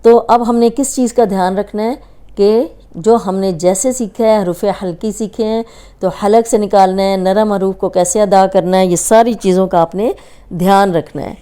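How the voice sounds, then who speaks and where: A woman gives a recorded tajweed lesson. Her voice is warm, mellow and smooth. She explains with patience and draws out single letter sounds to show how each one should be said. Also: mid-range voice, fairly even intonation. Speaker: Quran recitation teacher.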